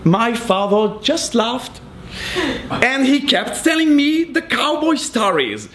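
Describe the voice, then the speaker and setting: A Belgian man, a native French speaker with a Belgian French accent, tells a self-mocking story to an audience in a very high voice with big pitch swings, taking it slowly. It's a noisy live recording of a storytelling performance, with a crowd audible behind him.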